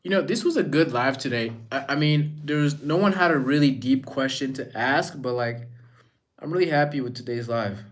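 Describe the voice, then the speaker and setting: A man's voice: medium pitch, moderate pace. A man from Rwanda, hosting a casual livestream and chatting while he greets viewers by name and reads their comments. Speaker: livestream host.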